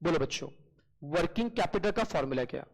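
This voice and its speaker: A male accountancy teacher giving an online class, firing quick questions at his students and answering them himself, calling them "beta". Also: on the high side, animated, poor audio.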